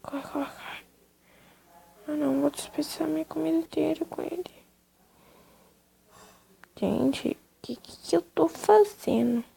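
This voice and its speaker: A woman's voice: high-pitched, measured pace, vocal fry, pauses often, warm tone. A young woman chatting casually as she plays a video game, talking to viewers and cooing at a dog in the game. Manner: chatty, talks to her game dog in baby talk. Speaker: gaming youtuber.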